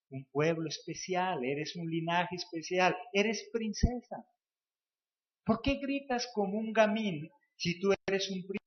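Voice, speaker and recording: High-voiced preacher in an echoey church. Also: male voice. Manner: asks the congregation rhetorical questions, repeats phrases for emphasis. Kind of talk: sermon. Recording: echoey, dull lo-fi church recording.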